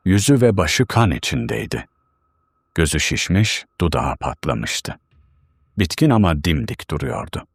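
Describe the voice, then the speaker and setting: A man's voice: extremely low pitch, no room sound. A man telling a scripted first-person horror story in a dramatic, tense way.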